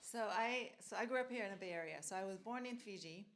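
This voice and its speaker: A middle-aged woman from Tonga, a brand founder talking casually in an interview, unhurried with fillers. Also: medium pitch, a bit bright.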